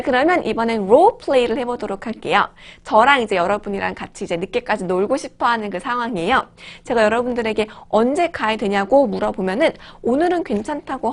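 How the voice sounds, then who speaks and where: A woman teaching English phrases to learners in an upbeat, encouraging way, reading example sentences slowly and clearly. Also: fairly high pitch. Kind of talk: online language lesson.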